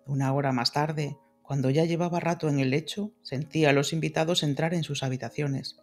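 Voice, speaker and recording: A man's voice: on the high side, fairly even intonation, faint music behind. Man narrating a classic novel. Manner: measured, dramatic reading. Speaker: audiobook narrator. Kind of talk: scripted literary narration.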